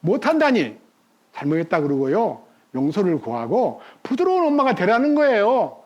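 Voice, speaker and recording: A man's voice: on the high side, a little mellow, slightly rough, muffled recording. A middle-aged man preaching a sermon as pastor, earnest, repeating key phrases and acting out the people in his stories.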